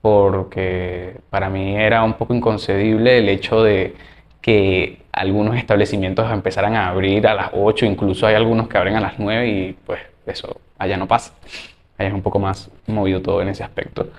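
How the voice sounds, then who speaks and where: A man's voice: on the low side, flat delivery, normal speed, dull audio. Venezuelan man, interviewee, hesitant casual testimony, faint hiss. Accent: Venezuelan Spanish. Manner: hesitant, many fillers.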